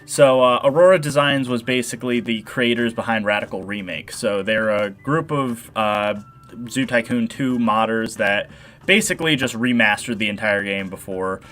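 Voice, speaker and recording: A young man with a nasal voice hosts a casual modding livestream into a desk microphone. He rambles, doubles back and answers chat as he goes, at an ordinary middle pitch. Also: moderate pace, fairly bright tone.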